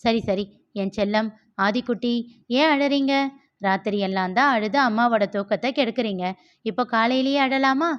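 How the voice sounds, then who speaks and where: A woman's voice: on the high side, normal speed, close to an everyday voice. Woman voicing a chatty elder sister-in-law. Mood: coaxing. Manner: coaxing, chatty. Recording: dull lo-fi.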